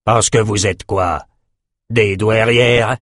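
A wrathful tyrant king of sea raiders, voiced by a male reader in a spoken storybook, snarling contempt at his beaten men. His voice is a bit husky and sits in the middle range, recorded close and dry with no room around it. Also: fairly low pitch, steady tone, takes it slowly, fairly bright tone, no echo. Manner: roaring, menacing. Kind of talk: audiobook character voice.

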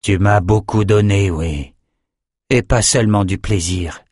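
A man reading an audiobook voices a calm, resolute young male champion swordsman who speaks in a grave, steady way. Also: lowish voice, a little slow, no room sound, studio quality.

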